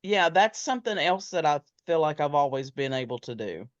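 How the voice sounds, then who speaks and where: Low-voiced woman, candid and dry. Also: animated, brisk, dry recording. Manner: candid, dry humor, laughs easily. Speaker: podcast co-host. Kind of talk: casual faith chat. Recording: dull, slightly muffled sound.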